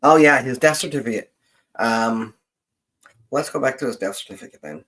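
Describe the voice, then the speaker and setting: A man with a mid-range, slightly bright voice hosts a casual live genealogy session. He explains things haltingly and hesitantly, often trailing off mid-sentence.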